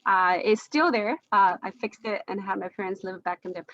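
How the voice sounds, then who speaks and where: In lo-fi audio, a woman from China leads a casual video-call panel in English, a second language for her. She is hesitant, with many restarts and fillers, and she laughs often. Her medium-pitched voice is brisk and fairly even in intonation.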